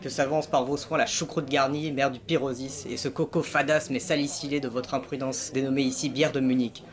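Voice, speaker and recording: A man's voice: mid-range voice, little pitch movement, fairly quick, lightly acted. An actor playing a pompous, sweaty, lyrical man who declaims and half-sings his order in a bombastic radio-play voice. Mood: grandiloquent.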